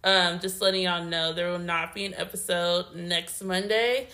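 A woman in her late twenties co-hosting a podcast, chatting in a giggly, expressive way. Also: lowish voice, moderate pace. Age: late 20s. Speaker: podcast co-host. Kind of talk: casual chat.

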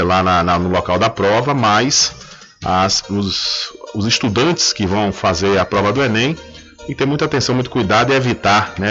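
A man's voice: lowish voice, a bit bright, lo-fi sound. A man with a Brazilian accent presenting live news conversationally, repeating himself for emphasis. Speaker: news radio host.

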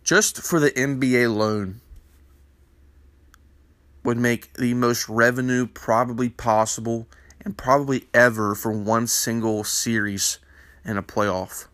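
A man's voice: mid-range voice, steady tone, unhurried, fairly bright tone, no room sound. A man hosting a basketball news panel in casual commentary, with a congested morning voice from a sinus infection, rambling with many fillers. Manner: rambling, filler-heavy, opinionated.

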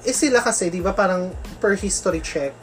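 A woman from the Philippines in casual chat as co-host, chatty and quick to laugh, mixing English into her talk. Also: medium pitch, lively intonation. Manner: chatty, laughs often, mixes English into Tagalog. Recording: music playing behind.

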